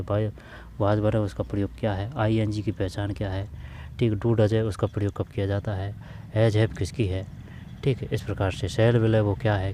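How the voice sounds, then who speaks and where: A man teaching an exam-prep grammar lesson, reading English sentences out slowly and repeating them word by word. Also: fairly low pitch, dark tone, a little hiss or hum.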